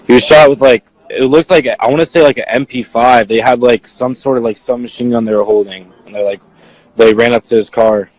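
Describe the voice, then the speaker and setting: A young man, an eyewitness, answering viewer questions in a casual, halting way, full of "like" and "you know.". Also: mid-range voice, steady tone, dry recording, poor audio. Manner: halting, filler-heavy, leans on "like". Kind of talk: casual spoken account.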